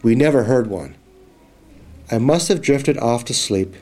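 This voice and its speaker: A man voicing a friendly father telling a spooky campfire story to his kids, slow and dramatic. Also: mid-range voice, lively intonation, dark tone. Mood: storytelling.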